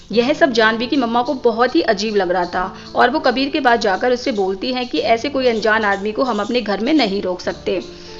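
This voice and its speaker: A woman with a fairly high voice tells a film's story as a scripted recap, now and then calling out to her viewers as guys. The recording is dull and lo-fi, with faint music under it. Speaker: movie recap narrator. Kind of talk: scripted film recap narration.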